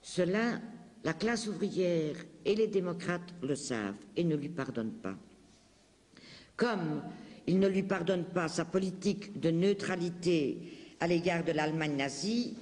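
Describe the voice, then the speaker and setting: High-pitched man declaiming in a reverberant hall. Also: animated, a little mellow. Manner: declamatory, emphatic, with deliberate dramatic phrasing. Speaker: political speaker. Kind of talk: impassioned political speech.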